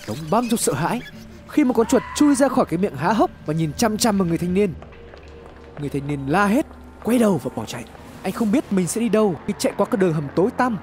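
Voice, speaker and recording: A man narrates a scripted horror story in a dramatic, suspenseful storytelling manner, with background music playing behind him. His voice is high-pitched and a little mellow.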